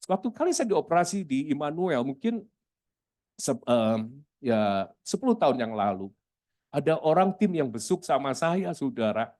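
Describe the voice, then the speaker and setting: Middle-aged male pastor, lively sermon storyteller; voice sits a little high yet sounds mellow. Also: normal speed. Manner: lively storyteller, keeps addressing the congregation.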